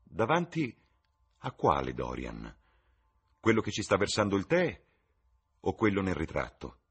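A man playing a witty aristocratic dandy, husky and theatrical. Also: low voice, huge pitch swings, unhurried, pitched above the performer's own voice, heavily acted. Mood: teasing. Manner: ironic, theatrical, declaiming epigrams. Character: witty languid aristocratic gentleman, playful and provocative.

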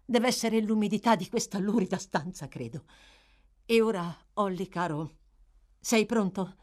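A woman's voice: mid-range voice, unhurried, darkish tone, voice pushed up, lightly acted. A woman reading an audiobook voices a distressed young woman who speaks tremulously and evasively. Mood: coaxing. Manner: tremulous, uneasy.

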